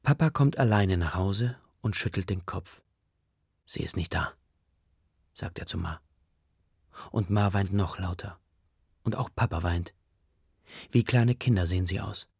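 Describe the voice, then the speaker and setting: Gravelly, husky male audiobook narrator. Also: low voice, unhurried, pauses often, a little mellow, dry recording, studio quality.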